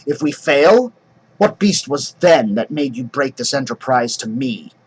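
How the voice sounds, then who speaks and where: A man reading a scheming noblewoman's speech aloud in his own husky voice, as a classroom demonstration. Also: medium pitch, expressive, measured pace, low-quality recording. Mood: rushed. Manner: plain classroom reading of verse. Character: scheming noblewoman urging her husband.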